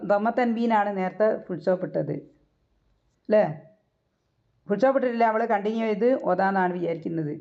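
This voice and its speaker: A woman leads a recitation lesson in a mellow, warm tone. She repeats each word slowly and keeps putting questions to her learners. The recording sounds dull and lo-fi. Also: mid-range voice. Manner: patient, repeats words slowly and asks questions to guide learners. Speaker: Quran recitation teacher. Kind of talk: tajweed lesson.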